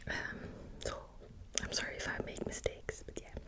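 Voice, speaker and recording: On the ASMR book channel she hosts, a young Belgian woman with a Dutch accent whispers at normal speed. Her delivery is soft and hesitant, sprinkled with many small fillers.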